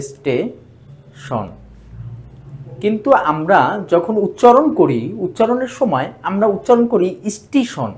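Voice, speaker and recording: A man with a Bangladeshi Bengali accent teaching a grammar lesson for exam preparation, repeating each term slowly for emphasis. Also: sits high.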